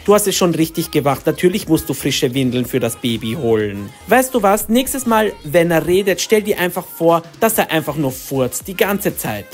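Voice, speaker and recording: A man voicing a gentle, friendly doctor who comforts others in an animated hospital story. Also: fairly high pitch, moderate pace, few pauses, soft background music. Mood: comforting. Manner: soothing, friendly. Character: kind gentle male doctor, supportive.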